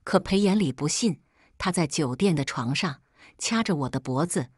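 A woman narrating a first-person story in a sorrowful, measured reading. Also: sits low, lively intonation, husky, no echo, clean studio sound.

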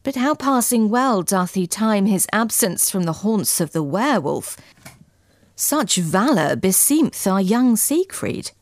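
A woman's voice: mid-range voice, lively intonation, a little slow, dry recording, natural voice. A woman voicing a nobleman who mocks with sly, ironic praise. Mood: mocking. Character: older nobleman, mocking, sly.

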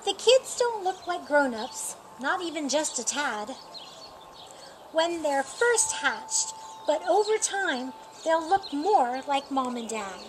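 A middle-aged woman reads a rhyming picture book for storytime in a high, sing-song voice, unhurried and deliberately shaping each phrase. She's outside in a sunny yard by a painted wall, where birdsong and ambient noise are clearly audible.

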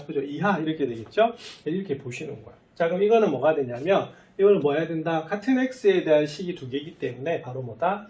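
Male math teacher, slightly high voice, quizzes his students and answers for them, drags out key phrases. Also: darkish tone. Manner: asks the students questions, then answers them himself; often starts sentences with "so" and "well then". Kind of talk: lecture.

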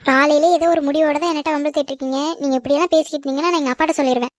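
A woman voicing a feisty, quick-tongued schoolgirl in a cartoon who protests and talks back. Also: high-pitched, steady tone, dry recording, studio quality, natural voice. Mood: protesting. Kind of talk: cartoon voice acting.

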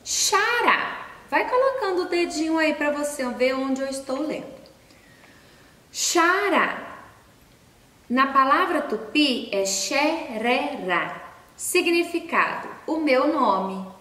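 Slow, patient woman teacher in echoey room. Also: high-pitched, bright, forceful tone. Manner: slow, patient, spells out letters and syllables; asks questions and answers them herself. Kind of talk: recorded online class for young children. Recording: echoey room, distant from mic.

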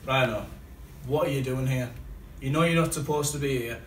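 A man's voice: mid-range voice, normal speed, lightly acted. A young man playing a stern, bossy rugby coach in an amateur short film. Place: changing room. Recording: echoey changing room, distant noisy mic.

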